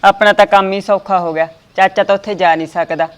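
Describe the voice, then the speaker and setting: A woman's voice: medium pitch, fairly even intonation, smooth, faint music behind, natural voice. A woman playing a defiant young daughter-in-law who schemes against her aunt. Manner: quick, defiant.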